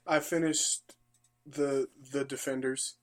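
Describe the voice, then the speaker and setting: Young man chatting casually, halting restarts. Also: medium pitch. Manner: relaxed, halting, with frequent restarts. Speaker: podcast co-host. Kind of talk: casual chat.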